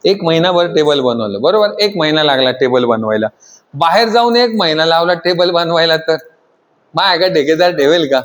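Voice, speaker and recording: Male instructor, high voice, quizzing students in a training classroom. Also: expressive, normal speed. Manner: asks the class constant questions and pushes them to answer louder. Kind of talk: classroom lecture.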